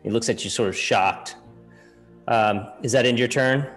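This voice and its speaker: A man's voice: mid-range voice, moderate pace, a bit bright. Man, game master, tabletop game narration, hedging, laughs a lot, faint music behind.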